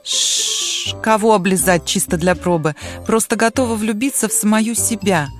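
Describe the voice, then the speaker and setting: A woman's voice: mid-range voice, normal speed, faint music behind, close to an everyday voice. A woman voicing a brash, bossy girl turned into a dragon, mocking and domineering. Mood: boastful.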